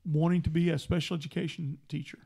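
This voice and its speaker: A man's voice: fairly high pitch, fast talker, creaky, husky. A middle-aged man, a guest telling family stories on a casual talk show and acting out the voices. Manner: animated storyteller, acts out family voices. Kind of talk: casual radio chat.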